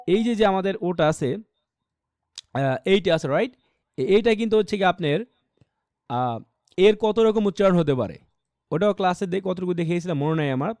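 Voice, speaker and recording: A man's voice: sits high, darkish tone, no room sound, studio quality. A man with a Bangladeshi accent giving an online English pronunciation class, explaining in two languages, repeating himself and asking students questions. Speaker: English teacher.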